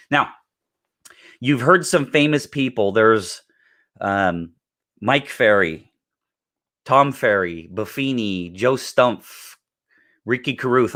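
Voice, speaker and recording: A middle-aged man with a mid-range voice, raspy from a recent illness, gives an emphatic live training on real estate networking, frequently clearing his throat.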